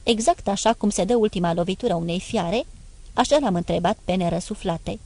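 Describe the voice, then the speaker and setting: A woman giving a measured, expressive first-person reading as the narrator of a literary audiobook. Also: mid-range voice.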